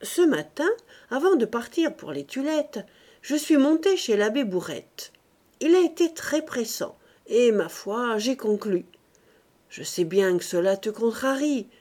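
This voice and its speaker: A woman's voice: a little high, very animated, measured pace. A woman doing a peevish middle-aged husband. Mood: explaining. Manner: brusque, loud, peevish.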